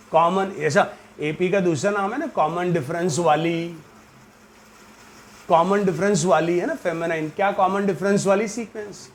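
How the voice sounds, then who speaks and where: A man's voice: high-pitched, a little hiss or hum. A man teaching a maths class, teasing and joking with his students. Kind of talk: classroom lecture.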